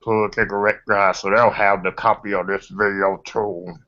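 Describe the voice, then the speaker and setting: A man's voice: lowish voice, flat delivery, moderate pace, pushed and bright. A man chatting and questioning in a casual, repetitive, stammering way. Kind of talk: casual chat. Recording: dull lo-fi recording.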